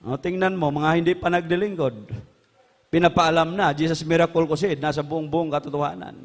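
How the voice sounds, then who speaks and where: A man preaching a sermon, impassioned, swinging from hushed tones to shouts. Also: a little high, steady tone, brisk, long reverb tail.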